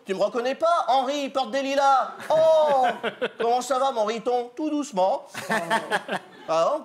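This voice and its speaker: A man performing a comic monologue on stage, telling a story and voicing the people in it. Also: very high voice. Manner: storytelling, voicing characters in dialogue. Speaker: comedian. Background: audience laughter.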